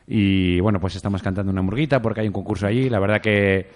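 Fast-talking low-voiced Spanish man host. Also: steady tone. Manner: slangy, swears often, says "tío". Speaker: radio show host. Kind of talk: casual banter with co-host.

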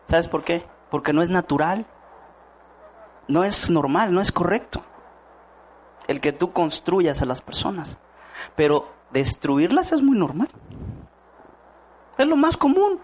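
A man giving a motivational talk to an audience, asking rhetorical questions and acting out quoted voices. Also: high voice. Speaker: network marketing speaker.

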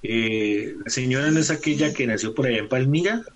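Man, mid-pitched Colombian interviewer, informal and conversational, slightly noisy call audio. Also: a little fast. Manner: informal, checks with tag questions. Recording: noisy remote call with clicks.

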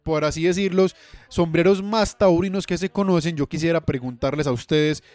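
A man's voice: fairly high pitch, normal speed, a little mellow, no room sound. Dry-voiced male radio host. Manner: inquisitive, moderating. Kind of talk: radio panel discussion.

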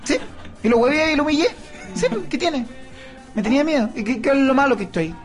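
A man's voice: expressive, quick pace, soft background music. A man with a Chilean accent, a radio comedy host telling anecdotes in a boastful, swinging manner. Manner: boastful, swinging between high and low. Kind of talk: casual banter, telling anecdotes. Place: radio studio.

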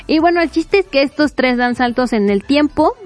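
High-pitched woman, a lively storyteller who acts out character voices. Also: normal speed, faint music behind. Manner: animated, chatty, laughs often, acts out characters' lines. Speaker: manga reviewer. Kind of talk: casual retelling of a manga plot.

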